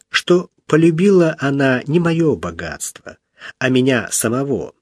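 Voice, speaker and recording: A man reads a first-person story with slow, deliberate pacing and a lively rise and fall in pitch. His voice is husky, and the recording is dry and close with no room sound. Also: no echo. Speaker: audiobook narrator.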